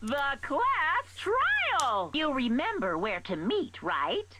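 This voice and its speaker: A gleeful video game mascot making a grand entrance as announcer. The voice is high and bright, leaping wildly up and down with slow, showy relish. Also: female voice, huge pitch swings, heavily acted. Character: gleeful theatrical mascot announcer of a deadly trial.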